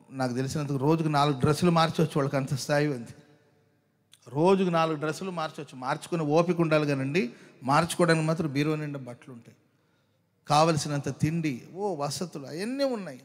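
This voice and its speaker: A man with a Telugu accent preaching a storytelling sermon at a gospel meeting, at times pleading loudly and slowly. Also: a little high. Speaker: pastor. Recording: long hall reverb.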